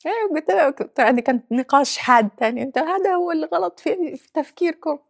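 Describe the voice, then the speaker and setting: A woman in her forties from Libya, speaking with a Libyan accent as an interview guest, reflective and halting, mixing English phrases into her speech. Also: high voice, lively intonation, gravelly. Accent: Libyan Arabic. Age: 40s. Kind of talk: personal interview.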